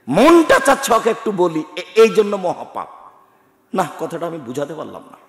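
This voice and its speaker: Forceful preacher in an echoing hall. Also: male voice. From Chapainawabganj, Bangladesh. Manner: forceful, swinging from loud shouted lists to low asides. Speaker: teacher and scholar. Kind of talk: Bengali sermon. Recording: echoey hall with long reverb.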